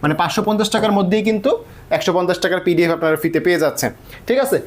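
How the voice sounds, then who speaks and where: A man's voice: high-pitched, rapid-fire. A man teaching English vocabulary in an online class, explaining patiently and often checking that students follow.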